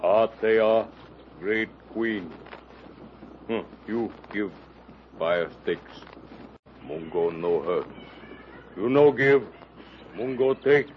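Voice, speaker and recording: Dopey, guttural, slow savage brute. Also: male voice, lowish voice. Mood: forceful, threatening. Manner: dopey guttural bellow in broken English. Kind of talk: 1930s radio acting. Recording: dull, noisy old radio recording.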